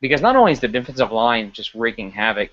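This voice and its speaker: A man co-hosting a sports podcast, breaking down a football game in casual, animated talk with frequent restarts. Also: mid-range voice, quick pace, lo-fi sound. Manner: animated, stumbling restarts while analyzing. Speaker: podcast co-host.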